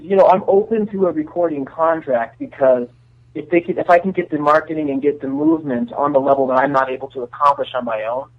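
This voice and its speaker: A man's voice: fairly high pitch, gravelly, narrow, tinny audio. A young man, a band musician, answering interview questions in an earnest, thinking-aloud way.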